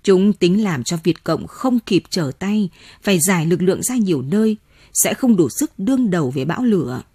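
A woman narrating a novel as an audiobook in a steady, measured storytelling manner. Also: lowish voice, slightly rough, no echo. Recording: dry close mic, faint music.

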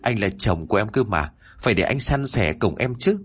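A tender young husband, played by a male narrator, soft and consoling in a spoken horror story. The voice is low and husky with lively pitch. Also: moderate pace. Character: gentle loving young husband.

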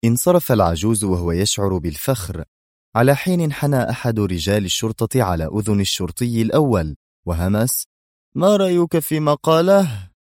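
A male narrator reads a novel in a steady, measured way. His voice is low. The sound is close and dry with no room. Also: no room sound. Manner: measured storytelling. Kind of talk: audiobook narration.

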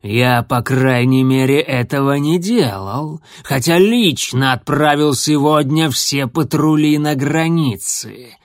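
A man voicing a hulking, menacing male warrior cat with a low threatening bass, speaking slowly and sneeringly. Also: dry recording, studio quality, close to an everyday voice. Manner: slow, drawn-out, sneering.

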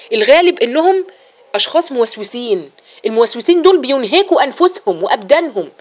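A middle-aged woman with an Egyptian accent giving a religious lesson to women, lively and repeating her phrases as she acts out examples. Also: high voice. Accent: Egyptian Arabic. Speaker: religious teacher.

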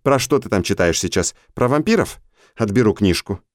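A man's voice: on the low side, lively intonation, moderate pace, no room sound, studio quality, lightly acted. A man voicing a stern, bossy teenage older sister who talks in a scolding way.

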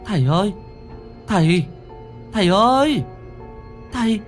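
A frightened middle-aged mother, voiced by a male storyteller, raising her voice high and shaky. She stammers and trembles through her words. Faint music plays behind. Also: animated, unhurried. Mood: calling.

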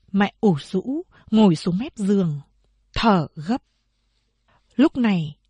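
A woman narrating a novel aloud in measured storytelling, voicing all the figures herself. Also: medium pitch, darkish tone, husky, no echo. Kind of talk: audiobook narration.

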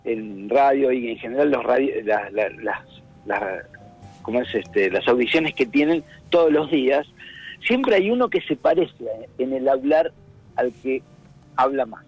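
Husky Rioplatense man on the radio. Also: medium pitch, lively intonation, a little slow, darkish tone, poor audio. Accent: Rioplatense Spanish. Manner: thoughtful, searching for words, hums rhythms. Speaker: radio columnist. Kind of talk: casual radio talk. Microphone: phone line. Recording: radio broadcast, faint music.

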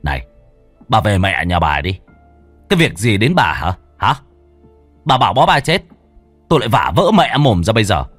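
A coarse, quick-tempered grown son barks threats in a loud, rough voice, as voiced by a male narrator. He stays close to the storyteller's natural pitch. The delivery is dry. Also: big pitch swings, no room sound, faint music behind, exaggerated voice. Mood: enraged.

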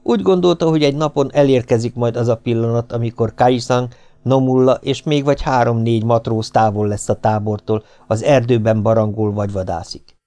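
A man narrates an audiobook in a steady, measured voice of middle pitch. The recording is close and dry, with no room sound or echo.

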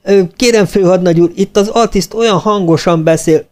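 Man voicing a naive male recruit, high and cheerful, chatty, oblivious, warm tone, storybook audiobook. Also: close to an everyday voice. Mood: carefree.

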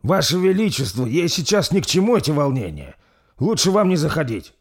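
A man's voice: fairly low pitch, big pitch swings, moderate pace, mellow, breathy edge. A man voicing a loyal knight commander, grave and earnest. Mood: insistent.

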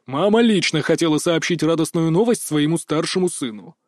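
A man's voice: fairly high pitch, expressive, brisk, dry recording, lightly acted. A man doing a teasing, ironic father. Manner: dry, teasing. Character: ironic, affectionate middle-aged father.

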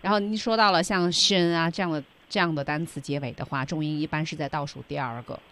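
A radio host speaks in a middle-pitched voice. They recap the teacher's explanations clearly for listeners and move the lesson along with steady, friendly pacing. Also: fast. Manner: sums up the teacher's points for listeners.

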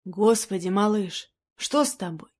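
Lady doing a kind anxious artist guy, gentle, storybook. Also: mid-range voice, lively intonation, unhurried. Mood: worried. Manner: anxious, caring. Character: kindly male artist, worried.

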